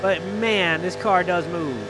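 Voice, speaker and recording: Music plays in the background as a gaming creator and host talks through gameplay in an unhurried, high voice. His commentary is informal and chatty, and he tends to repeat his phrases.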